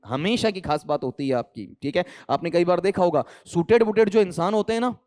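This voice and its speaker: एक पुरुष अंग्रेज़ी शिक्षक, राजस्थानी हिंदी लहजे में, परीक्षा की तैयारी का लेक्चर देता है और बार-बार छात्रों से सवाल पूछता है।. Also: male voice, dry recording, studio quality. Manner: lively, keeps quizzing students with "bataao" and "theek hai"; rises and drops pitch a lot for emphasis. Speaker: English teacher for competitive exams. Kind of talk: exam coaching lecture in Hindi.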